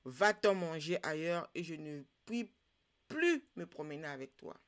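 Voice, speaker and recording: A proud wild cat from a folktale, crafty and quick to anger, barking out orders and reproaches. A woman storyteller gives him voice, slow and measured in pace, with a lowish pitch. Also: animated. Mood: angry. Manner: commanding, scolding.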